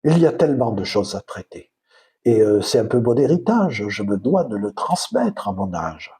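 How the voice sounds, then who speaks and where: This man's fairly low, warm voice swings widely in pitch while he talks at normal speed. He's a fifties-aged host from southern France with a Provençal accent, delivering a rambling, reflective vlog monologue full of hesitations.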